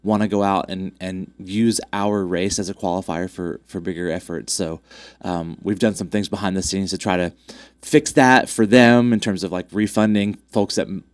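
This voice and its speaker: Speaking at a moderate pace with fairly even intonation, a man with a low, congested voice plugs upcoming races for his track club. It's a casual, upbeat interview full of fillers, with no room sound.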